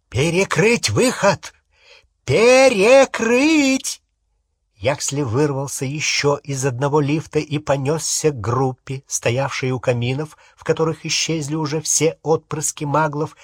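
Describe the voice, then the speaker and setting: Male audiobook narrator, unhurried, husky, dry close sound. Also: a little high, no room sound. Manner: unhurried expressive storytelling. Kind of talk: audiobook reading.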